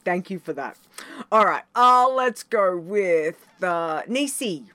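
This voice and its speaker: Lady hosting a chatty show, kinda slow talker, very dry sound. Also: mid-range voice, lively intonation, bright, forceful tone, no room sound. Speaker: show host. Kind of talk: casual show chat.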